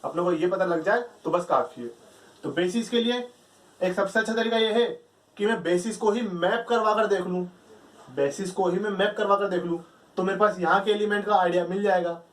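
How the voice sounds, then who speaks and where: A man with a high voice lectures on math, walking through each step and answering his own questions. He sounds set back from the mic. The room around him is echoey. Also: brisk, recorded from a distance. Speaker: math teacher.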